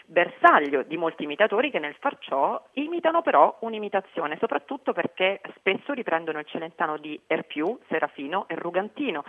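Lively academic woman over a phone line. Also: fairly low pitch. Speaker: linguist columnist. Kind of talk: radio commentary.

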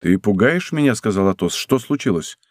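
A man voicing a stern, composed musketeer who speaks in a low, measured way. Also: lively intonation, a little mellow, no echo, studio quality, lightly acted. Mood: grave. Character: grave older male musketeer, stern and composed.

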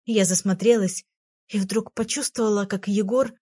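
A woman narrating a children's story in the first person, with expressive reading. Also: mid-range voice, normal speed, breathy edge. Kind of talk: audiobook narration.

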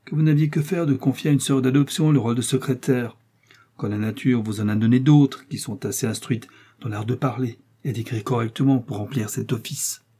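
A man reading aloud and voicing a sharp-tongued, sour young woman with an acid, cutting manner. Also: medium pitch, fairly even intonation, moderate pace, close to an everyday voice.

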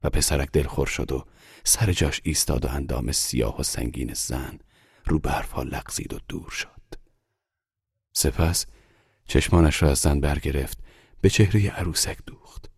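A man reading a literary short story aloud in slow, measured audiobook narration. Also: rumbling low, creaky, slightly rough, dry recording, clean studio sound.

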